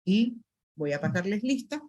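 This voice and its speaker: Her medium-pitched voice has a darkish tone and is very animated, delivered at a moderate pace. She is lecturing an online university class through a computer mic on a video call, methodically covering items one by one with frequent hesitation fillers.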